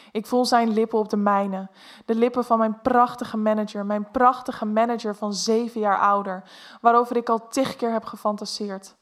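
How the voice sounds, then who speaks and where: A woman reading an erotic story aloud in a soft, intimate first-person narration. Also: mid-range voice.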